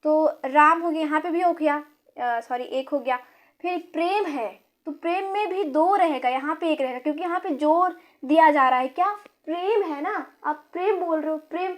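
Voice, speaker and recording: A young woman with a high voice teaches grammar in a classroom style. She repeats each point, corrects herself, and keeps asking her students quick questions as she counts through each line aloud. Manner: checks in with rhetorical questions and counts syllables aloud.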